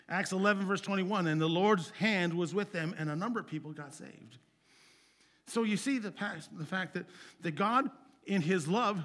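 Earnest and conversational, a man preaching a sermon moves from forceful, loud emphasis down to soft, low endings on his phrases.

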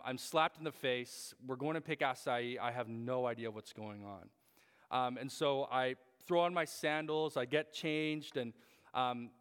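A man's voice: medium pitch, clear, resonant tone. A young man preaching a sermon, telling a story with frequent fillers and restarts. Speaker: pastor. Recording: long hall reverb.

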